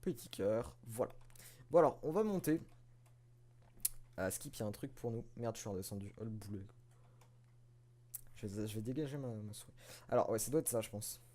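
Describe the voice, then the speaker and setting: A man's voice: fairly low pitch, animated, brisk, long pauses, mellow, a little hiss or hum. A man giving casual, self-mocking commentary while playing a video game, swearing and chuckling now and then. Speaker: let's play host.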